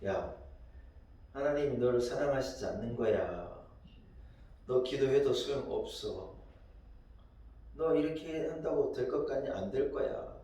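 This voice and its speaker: A male preacher voicing a sneering devil who whispers taunts, in a low hushed voice with a lot of echo around it. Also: expressive, measured pace, long pauses, distant mic, close to an everyday voice. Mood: taunting. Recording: very echoey hall, voice from afar.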